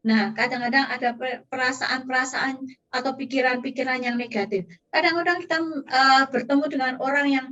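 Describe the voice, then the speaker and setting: High-voiced woman pastor preaching from afar. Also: brisk, pushed and bright, lo-fi sound. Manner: emotional, earnest, addresses congregation directly. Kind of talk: sermon with personal testimony. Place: church service. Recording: distant from the mic.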